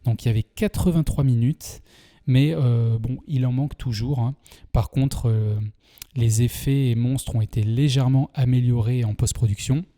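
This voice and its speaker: A man's voice: medium pitch, steady tone, normal speed, mellow. A man with a French accent hosting a casual film review, chatty and full of hesitations. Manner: chatty, many fillers and restarts. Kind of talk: casual video commentary.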